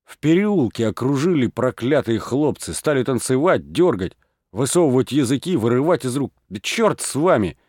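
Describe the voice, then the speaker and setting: A man's voice: mid-range voice, moderate pace, no room sound, clean studio sound, pitched above the performer's own voice. A man voicing frightened village watchmen who protest and plead in an audiobook reading. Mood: agitated. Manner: excited, protesting.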